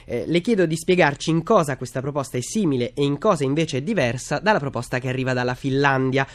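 A man's voice: medium pitch, fast. A man hosting a radio news programme, putting detailed questions to guests. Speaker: radio host.

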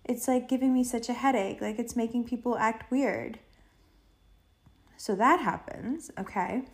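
A woman hosting a podcast alone, chatting casually and loosely with playful slang, swearing and drawn-out emphasis. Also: on the high side. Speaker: podcast host. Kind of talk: casual rambling solo chat.

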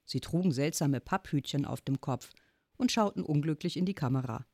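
A woman reading a children's chapter book aloud in a calm storytelling manner. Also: low-pitched, normal speed, no echo. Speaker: audiobook reader. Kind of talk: scripted story narration.

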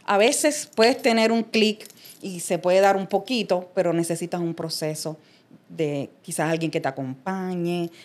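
A middle-aged woman from Cuba, a transpersonal coach and guest, talking in a casual interview and telling her story with lively asides and laughter. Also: lowish voice. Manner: animated storytelling, acts out quoted voices, laughs often.

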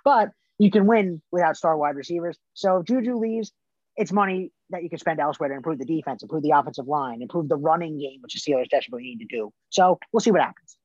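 A man's voice: on the high side, fast, darkish tone, no echo, highs cut off. A man co-hosting a sports talk show, emphatic and opinionated, making bold predictions. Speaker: co-host.

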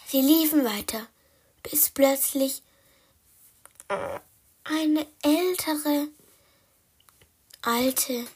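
Lady making up a kids story, slow and soft, kinda whispery and high. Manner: soft, partly whispered, with hesitations. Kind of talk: improvised children's story reading.

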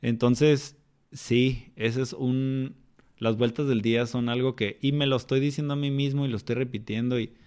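A man's voice: medium pitch, fairly even intonation, moderate pace, darkish tone, clean tone. A man with a Mexican accent, a mentor of children, talking in a casual interview in a colloquial, reflective way full of slang. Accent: Mexican Spanish.

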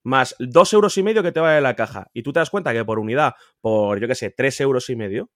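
A man from Spain with a Spain Spanish accent, a collector guest talking casually on a podcast, emphatic and animated, repeating words and swearing freely. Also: a little fast, dry recording, clean studio sound. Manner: animated, pitch jumping up when insisting. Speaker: guest, video game collector.

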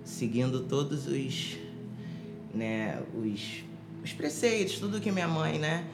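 This Rio de Janeiro woman has a deep, sing-song voice and speaks slowly. As a podcast interview guest, she shares personal testimony full of fillers and restarts, recorded in an echoey room over background music.

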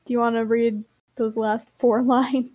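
High-voiced woman podcast co-host. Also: level tone, no echo, phone-quality sound. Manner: giggly, reads with quick asides. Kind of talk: casual chat and reading fanfic aloud.

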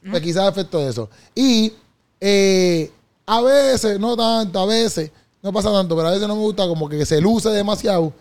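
A man's voice: sits high, normal speed, a little mellow. A man hosting a casual family podcast, teasing and steering whose turn it is. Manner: playful, teasing, steers the turns.

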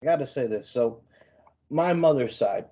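A man's voice: mid-range voice, expressive, moderate pace, mellow, muffled recording. A man from New York hosting an interview, talking in an emphatic, upbeat way. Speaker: interview host. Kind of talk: casual interview chat.

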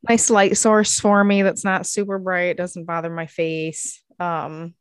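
A woman's voice: lowish voice, level tone, takes it slowly, clear, resonant tone, no echo, studio quality. A woman co-hosting a podcast, chatting casually and rambling with lots of fillers from her craft room at home. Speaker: podcast co-host. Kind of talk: casual chat.

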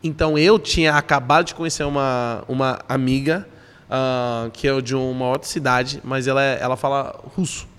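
A young man, a podcast guest, telling stories in a casual, animated way and acting out the voices in them. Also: mid-range voice, moderate pace, smooth. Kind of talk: casual storytelling. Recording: long hall reverb.

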